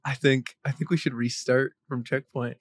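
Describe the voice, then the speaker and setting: A man's voice: medium pitch, steady tone, moderate pace. A man chatting and joking with friends while playing a game, laughing often and teasing. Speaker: gamer. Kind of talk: casual gaming chat.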